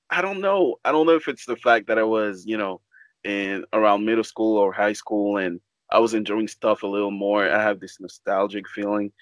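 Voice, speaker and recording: A man's voice: on the low side, fairly bright tone, dry recording. A young man, a comic creator, chatting casually on a podcast, easygoing and laughing along. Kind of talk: casual chat.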